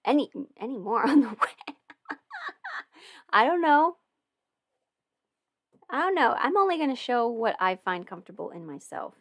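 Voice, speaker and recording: Sitting at her home desk, a woman hosts a relaxed livestream where she answers viewers' questions as a voice performer, chatting informally and working through her thoughts out loud. Her voice is a little high and somewhat bright, very animated, at a moderate pace with frequent pauses.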